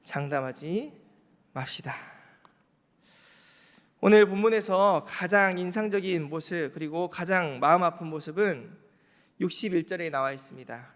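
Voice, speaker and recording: Guy preaching in church, a bit high voice, lots of echo off the sanctuary, keeps asking the room questions and repeating stuff. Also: normal speed, fairly bright tone. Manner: rhetorical questions and emphatic repetition. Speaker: pastor. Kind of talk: Wednesday evening sermon. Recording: reverberant church hall.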